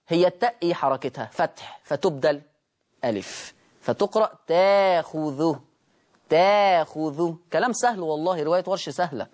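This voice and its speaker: An Egyptian Arabic-accented man leads a Tajweed recitation lesson. He keeps firing questions at the class and answering them himself. He drags out example words slowly to show how they should be pronounced. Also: sits high. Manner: asks and answers his own questions, drawn-out demonstrations. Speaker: Quran recitation teacher.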